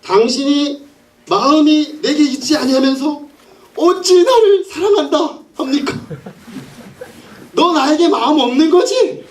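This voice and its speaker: A man's voice: very high-pitched, lively intonation, measured pace, distant mic, voice pushed up. A male preacher voicing a sulking young woman who tearfully pleads with her lover. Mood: tearful pleading. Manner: whiny, tearful, insistent coaxing.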